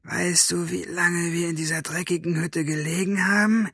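A man voicing a menacing male thug who drawls his words slowly and threateningly quietly. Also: sits high, flat delivery, vocal fry, breathy edge, dry recording, studio quality, pitched above the performer's own voice, full character voice. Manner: slow, drawn-out, threateningly quiet. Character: sneering menacing male thug, fox-faced.

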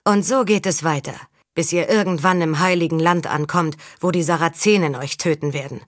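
A woman's voice: lowish voice, fairly quick, dry recording, clean studio sound, close to an everyday voice. A woman voicing a blunt, sceptical mercenary. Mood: scornful. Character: gruff, world-weary male mercenary, around forty. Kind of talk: audiobook character reading.

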